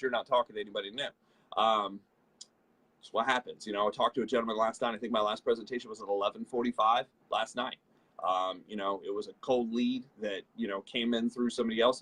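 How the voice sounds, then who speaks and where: Male motivational co-host, slightly husky, energetic, keeps mimicking the people he talks about. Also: mid-range voice, poor audio. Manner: energetic, repetitive, acts out quoted people. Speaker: show co-host, network marketing trainer. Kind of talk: motivational leadership talk.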